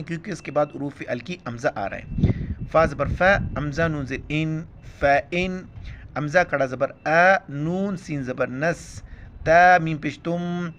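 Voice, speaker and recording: A man teaching Quran recitation, explaining letters quickly in Urdu with a Pakistani accent, then chanting verses slowly and loudly. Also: on the high side, a little hiss or hum. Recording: dull lo-fi sound.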